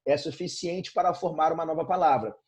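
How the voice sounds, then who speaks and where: A man's voice: on the high side, a little fast, a little mellow, breathy edge. A Brazilian man teaching an informal online grammar lesson, repeating points and checking in with frequent tag questions. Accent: Brazilian Portuguese.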